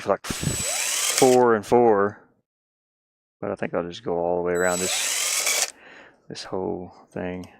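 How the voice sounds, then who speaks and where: A man live streams a DIY build, casually chatting as he works with his hands and muttering his way through each step for viewers. His voice sits low and gravelly, with background noise in the recording.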